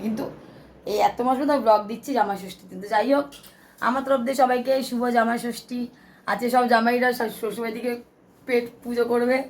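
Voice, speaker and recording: A young woman with a hoarse throat, chatting to her viewers in a casual home vlog while filming on a handheld phone. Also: on the high side, slight background noise, poor audio. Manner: chatty, addresses viewers directly. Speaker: vlogger. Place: small home flat. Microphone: phone held in hand.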